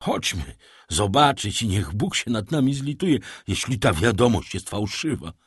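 Grave, subdued aging father, low and husky, read by a male narrator for a storybook. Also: big pitch swings, normal speed, no echo, studio quality. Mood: stunned. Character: aging father, stunned and solemn.

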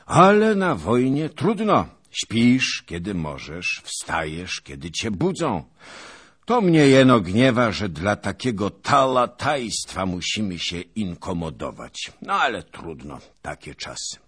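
A man's voice: on the low side, wildly swooping pitch, slow, slightly rough, voice pushed up, full character voice. A man doing a pompous old boastful nobleman. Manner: pompous, patronizing, loud.

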